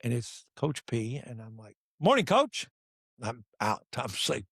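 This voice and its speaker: Older coach, gravelly storyteller acting out each voice, dry close sound. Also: male voice, mid-range voice, normal speed, dry recording. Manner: animated storyteller acting out dialogue. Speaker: podcast guest, basketball coach. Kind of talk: storytelling in casual conversation.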